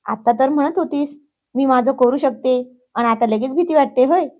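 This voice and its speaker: A woman's voice: sits high, moderate pace, darkish tone. A woman voicing an exasperated young man who scolds and teases, still patient underneath. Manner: scolding, teasing.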